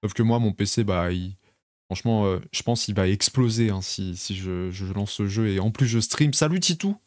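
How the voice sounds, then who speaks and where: A man's voice: fairly low pitch, fairly even intonation, moderate pace, darkish tone, dry recording, clean studio sound. A young man casually chatting with his viewers during a home live stream, rambling and reading out chat messages. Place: home bedroom.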